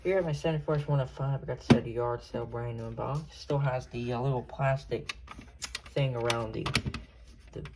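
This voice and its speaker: A radio collector with a steady, mid-range voice gives a casual, hands-on tour of his collection. He rambles and halts, often correcting himself as he goes, in a noisy room with clicks.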